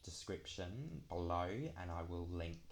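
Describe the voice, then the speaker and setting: A young man talks in a low, deep voice. He chats casually as he shows craft supplies, and his s sounds come out long and drawn out. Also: animated, measured pace. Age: young adult. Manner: drags out the s sounds. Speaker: craft planner vlogger. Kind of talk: casual chatty product walkthrough.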